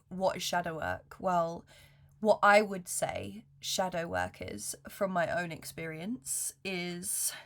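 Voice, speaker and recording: A woman hosting an intimate, reflective spiritual chat, hoarse from illness with a smoker's rasp and speaking gently with hesitant pauses. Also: on the low side. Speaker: video host and spiritual mentor.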